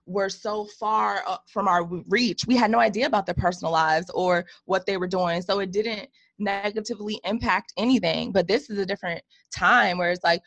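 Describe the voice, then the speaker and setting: A woman's voice: mid-range voice, normal speed, vocal fry, few pauses, fairly bright tone, dry recording. Outspoken woman co-host, blunt, swears freely, dry close sound. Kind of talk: casual chat.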